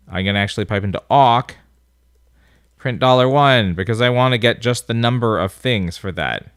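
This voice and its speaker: An instructor with a nasal voice casually narrates a coding tutorial over a screen recording, thinking aloud as he types commands. His lowish voice is a bit bright, clear and resonant, recorded in clean studio sound without echo.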